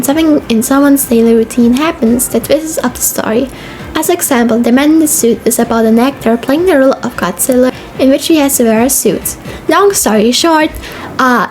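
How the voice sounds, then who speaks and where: Narrating a casual, scripted video essay over background music, a young host and streamer sometimes trips over long words as she speaks informally. Her voice is fairly high and a little mellow.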